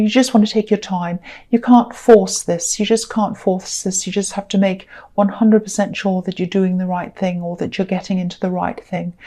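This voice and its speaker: A woman's voice: medium pitch, dark tone. A woman giving a tarot card reading, talking earnestly and reassuringly with frequent fillers and repetitions. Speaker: tarot reader.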